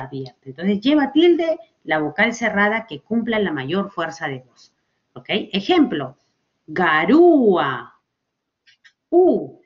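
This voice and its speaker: A woman teacher gives a children's language lesson, stretching out example words and often checking with "ok?". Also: mid-range voice. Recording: dull lo-fi recording.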